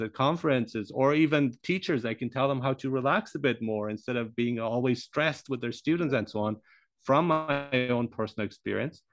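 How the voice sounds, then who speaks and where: A man in his forties with a mid-range voice talks through his thoughts slowly, pausing and restarting often. He was born in Iran and grew up in Germany, and the sound is dry and close. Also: mid-range voice, no room sound. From Iran, raised in Germany. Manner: reflective, hesitant with many fillers and restarts. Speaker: podcast guest, language teacher. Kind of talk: casual interview conversation.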